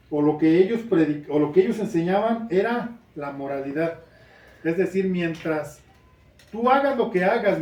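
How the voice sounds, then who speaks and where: A man's voice: high-pitched, a little mellow. A man preaching a sermon as pastor in a church, earnest and building to emphatic questions. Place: church hall. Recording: roomy church sound from a distant mic.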